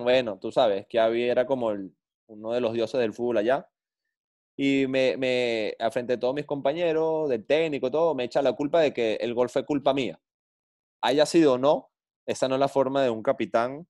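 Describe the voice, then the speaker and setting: A middle-aged man, a former footballer telling blunt, animated stories in an interview. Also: medium pitch. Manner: blunt, animated storyteller with slang. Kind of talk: interview storytelling.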